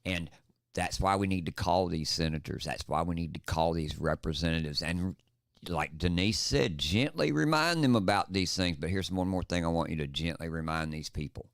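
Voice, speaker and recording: Emphatic low-voiced podcast host. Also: male voice, moderate pace, creaky, no echo, studio quality. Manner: emphatic, impassioned ranting. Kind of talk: political talk podcast.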